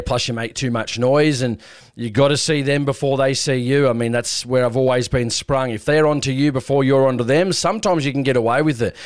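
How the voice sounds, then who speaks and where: A man's voice: mid-range voice, no room sound, clean studio sound. A man with an Australian accent hosting a podcast in a casual, blokey, plain-spoken way. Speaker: podcast host. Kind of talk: casual hunting podcast talk.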